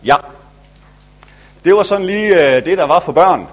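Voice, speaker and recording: A man's voice: high-pitched, lively intonation. A man, a pastor, retelling a Bible story for children in a chatty, playful way.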